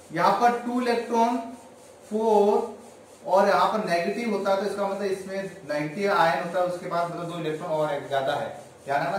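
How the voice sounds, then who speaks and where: A man with a high-sitting voice lectures a chemistry class, counting aloud and posing questions he then answers himself. The room is very echoey, his voice is far from the mic, and there's slight background noise.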